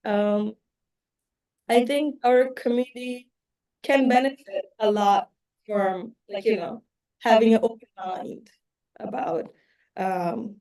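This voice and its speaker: A woman's voice: medium pitch, warm tone. A woman from Bangladesh, a council member giving a hesitant report at a meeting, with many fillers.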